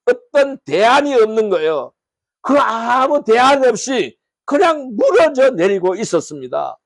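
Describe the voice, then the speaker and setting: Animated, high-voiced pastor preaching. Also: male voice, no room sound. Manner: animated preaching with rhetorical questions to the congregation. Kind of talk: sermon.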